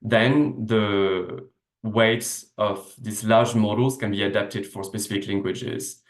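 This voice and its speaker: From his desk on a video call, a man presents an academic lecture over slides as a seminar speaker, his voice a little low, steady and slow. He is a native French speaker who explains step by step, often filling pauses with "uh" and correcting himself. The room echoes noticeably through his laptop mic.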